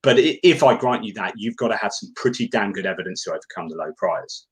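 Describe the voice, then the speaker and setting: A man's voice: fairly low pitch, expressive, quick pace, slightly rough. A man who presented a talk, discussing it casually online, hesitant and repeating words as he thinks aloud. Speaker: guest presenter.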